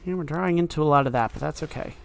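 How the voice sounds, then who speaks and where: Gravelly man thinking aloud over gameplay. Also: on the high side, very fast, slight background noise. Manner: thinking aloud while playing, offhand. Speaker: card game streamer. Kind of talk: casual gameplay commentary.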